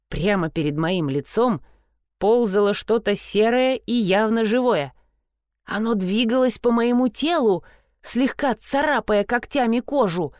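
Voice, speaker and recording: A woman narrating a first-person story with a wry, lively manner. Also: a little high, dry recording, clean studio sound. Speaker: audiobook narrator.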